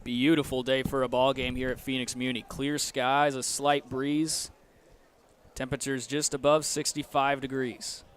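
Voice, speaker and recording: A young American man calls live sports play-by-play in a medium-pitched, flat voice at a moderate pace. Outdoor ambient noise from a ballpark or arena sits behind his commentary.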